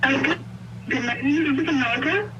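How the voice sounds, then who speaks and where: Over a scratchy conference call line that keeps breaking up, a woman offers a polite, prepared public comment at a board meeting. She speaks on a phone from a distance from the mic, her voice high-pitched and fairly quick, and the sound is lo-fi.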